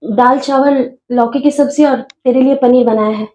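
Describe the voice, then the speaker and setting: A woman playing a soft-spoken, submissive daughter-in-law who is mistreated at home. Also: high voice, fairly even intonation, normal speed. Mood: meek. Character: meek mistreated young wife and mother. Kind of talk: home-made family drama acting. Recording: dull lo-fi recording.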